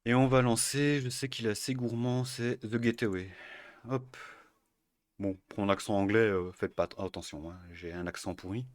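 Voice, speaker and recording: A man's voice: on the low side, flat delivery, normal speed, no room sound, clean studio sound. A man casually walking through emulator settings, hesitant, with many fillers and self-corrections. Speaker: tutorial host. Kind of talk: casual screen-recorded tutorial.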